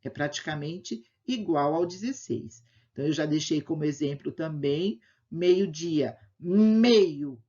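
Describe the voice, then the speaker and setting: A woman's voice: low-pitched, measured pace, dark tone. A woman teaching a primary school lesson for children in a patient, sing-song teacher's voice. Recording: dull lo-fi home recording.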